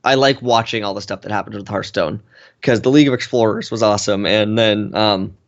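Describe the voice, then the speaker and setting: A man's voice: fairly low pitch, fairly even intonation, fairly quick. A man appearing as a guest on a gaming podcast, chatting casually and with enthusiasm, using some filler words. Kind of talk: casual chat. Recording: muffled lo-fi audio.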